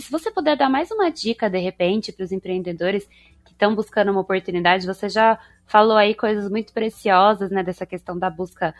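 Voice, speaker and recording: A woman's voice: medium pitch, fairly bright tone, dry recording. Friendly Brazilian woman host, dry sound. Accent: Brazilian Portuguese. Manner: friendly, affirming, asks long winding questions. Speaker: podcast host. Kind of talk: interview questions.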